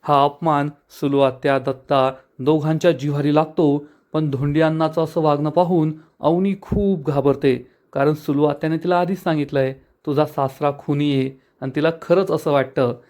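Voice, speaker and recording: A man hosting a TV serial recap, telling the episode's events as a lively storyteller who speaks to his viewers as friends. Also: a little high, moderate pace. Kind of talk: dramatic episode recap narration.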